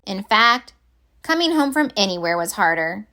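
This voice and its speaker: A woman with a mid-range voice reads a children's picture book aloud, expressive and deliberate in her storytelling.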